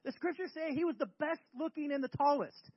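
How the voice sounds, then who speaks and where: A man's voice: very high-pitched, a little fast. A male pastor giving a casual, joking sermon, acting out scripture scenes, in a muffled lo-fi recording. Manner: conversational, joking, acts out bible characters.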